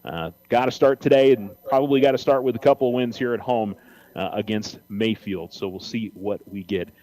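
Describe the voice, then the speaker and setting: A man's voice: fairly low pitch, fairly quick, mellow, low-quality recording. An American man hosting a sports radio show, talking off the cuff through baseball pregame commentary with frequent hesitations.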